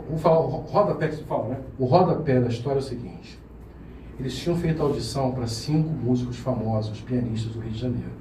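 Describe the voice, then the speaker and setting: A man tells a story to a small gathered audience, laughing as he goes and slipping into the voices of the people he quotes. His voice is mellow and sits on the higher side for a man. He is picked up from across an echoey room, with a faint hiss underneath. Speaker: pianist. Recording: echoey room, mic at a distance.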